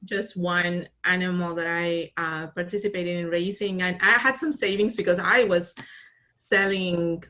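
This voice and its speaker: A woman from Colombia, in her early forties, recounting her path as a business founder in a relaxed interview. Her voice is bright and sits a little low, and she tells her story with animated restarts and easy laughs. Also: a little slow. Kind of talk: casual interview conversation.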